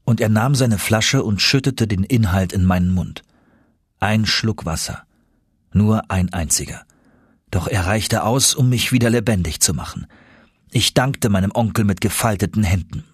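Guy reading an adventure audiobook, steady, husky and low. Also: no room sound, clean studio sound. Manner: measured, steady first-person narration. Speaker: narrator.

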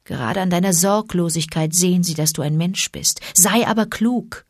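Wise protective panther, low and hushed, read by a woman; dry close sound. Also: moderate pace, no echo, natural voice. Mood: confiding. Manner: calm, low and confiding, urgent at times. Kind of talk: audiobook character reading.

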